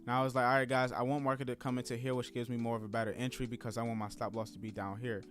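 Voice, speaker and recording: A man's voice: medium pitch, little pitch movement, very fast, soft background music. A man who has just turned thirty, chatting casually with viewers during a live trading stream in a laid-back, rambling way. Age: 30s.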